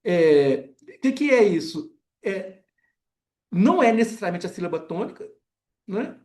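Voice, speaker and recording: A man with a Brazilian accent giving an academic lecture, pausing often and filling gaps with short filler words and tag questions. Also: sits high, big pitch swings, a little mellow.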